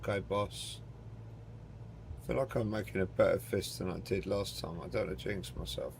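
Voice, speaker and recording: A man with a deep voice and vocal fry speaks at normal speed while playing a flight simulator on stream, joking, swearing and thinking aloud to himself and his chat as casual live commentary. The game's engine roars loudly.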